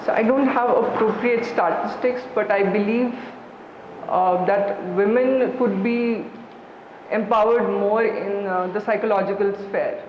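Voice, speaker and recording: Hesitant young Kashmiri woman in an echoey hall. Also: medium pitch. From Srinagar, Kashmir, India. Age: young adult. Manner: hesitant, halting, deferential. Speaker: interview candidate. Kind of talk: formal mock job interview answers. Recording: echoey hall, dull sound, background noise.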